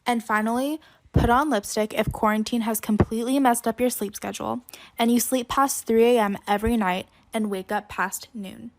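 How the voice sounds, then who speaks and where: A woman reading out a list of challenge prompts in a steady, list-like way. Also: fairly high pitch, moderate pace.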